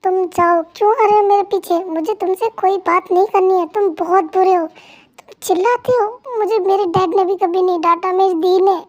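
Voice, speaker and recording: A woman's voice: extremely high pitch, fairly even intonation, moderate pace, hardly any pauses, a little mellow, no echo, highs cut off. A woman voicing a pouty young wife who cries easily and talks in a whiny, sulky way, in a Hindi fan dub. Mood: tearful.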